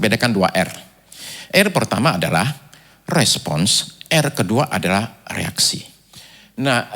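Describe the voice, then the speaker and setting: Animated preaching man, lively pitch. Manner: animated storytelling, acts out quoted people. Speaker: pastor. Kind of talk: sermon. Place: church stage.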